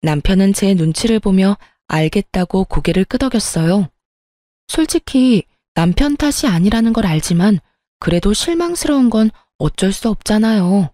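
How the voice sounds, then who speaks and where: A woman telling a true family story in the first person, in a calm, confiding way. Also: mid-range voice, normal speed, dry recording, clean studio sound. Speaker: narrator. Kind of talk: scripted narration of a true story.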